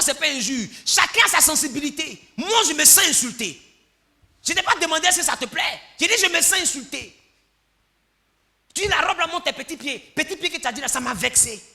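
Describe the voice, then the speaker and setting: A male pastor preaches with great animation. His voice sits high and very bright, leaping up and down in pitch as he drops to near-murmurs and then bursts into shouts. He acts out quick exchanges between people to make his point. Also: vocal fry. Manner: animated preaching, swinging from quiet asides to shouts. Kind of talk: sermon.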